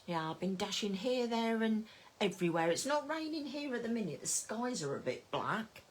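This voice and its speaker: A woman's voice: mid-range voice, sing-song, moderate pace, a little hiss or hum. A middle-aged woman, chatting casually on a craft live stream and greeting viewers by name. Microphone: phone camera.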